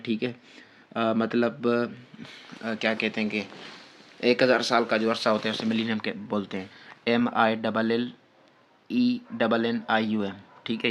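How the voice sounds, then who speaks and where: A man with a Pakistani Urdu accent giving a spelling lesson, dictating words letter by letter and repeating "theek hai" often. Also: fairly low pitch. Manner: slow, repetitive dictation with frequent "theek hai" fillers. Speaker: test-prep teacher.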